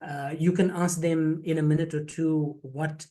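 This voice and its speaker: A man's voice: a little high, little pitch movement, a little slow, warm tone. A man hosting an online info session, talking casually and joking, often repeating words as he goes. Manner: chatty, jokey, repeats words. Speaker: program faculty host. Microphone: video call.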